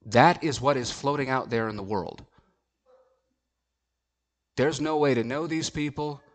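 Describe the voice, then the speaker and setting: A man's voice: medium pitch, a little slow. A man, a pastor, telling a story from the pulpit in an earnest, emphatic sermon.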